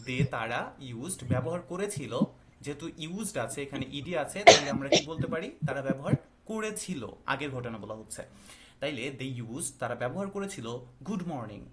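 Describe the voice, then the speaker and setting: A male English teacher, explaining slowly and asking the class questions. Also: medium pitch, heavy background noise. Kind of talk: classroom lesson.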